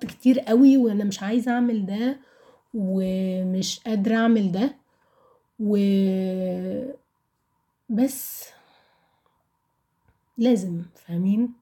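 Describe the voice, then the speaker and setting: A woman's voice: medium pitch, takes it slowly, pauses often, dark tone. A woman of about twenty with an Egyptian Arabic accent, talking casually and candidly to listeners about personal experience, often asking questions and answering them herself. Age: around 20.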